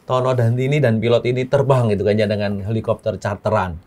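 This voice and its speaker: Pastor santai bercanda sambil tertawa kecil. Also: male voice, fairly low pitch, fast talker. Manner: relaxed, chuckling, keeps adding "gitu kan ya". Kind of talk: casual chat, telling a joke then reflecting.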